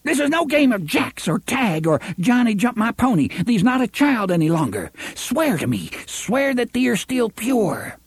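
A man's voice: very high voice, sing-song, normal speed, hardly any pauses, slightly rough, no room sound, voice pushed up, exaggerated voice. A shrieking, pious older aunt, her voice climbing far above his own. She speaks in old-fashioned "thee" and "ye" and comes across as frantic and domineering. Her lines sound dry and close. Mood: shrill pleading.

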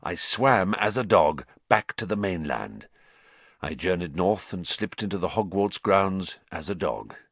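A man voicing a gaunt, haunted male fugitive who speaks low, quietly and with a croak for an audiobook. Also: lively intonation, unhurried, no room sound, full character voice. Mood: brooding. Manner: quiet, brooding. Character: gaunt, haunted escaped male prisoner, bitter, intense.

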